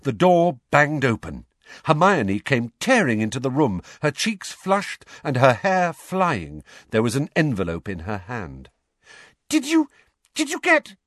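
Animated male audiobook narrator. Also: mid-range voice, a little slow, no room sound, clean studio sound. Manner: lively, animated storytelling. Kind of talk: scripted narration.

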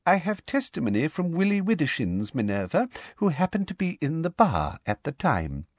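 A man voicing a smug female official in an audiobook, soft and condescending with a falsely kind manner. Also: a little high, huge pitch swings, normal speed, no echo, studio quality, pitched above the performer's own voice. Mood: smug, reporting. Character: silky, smug, sickly-sweet middle-aged female official.

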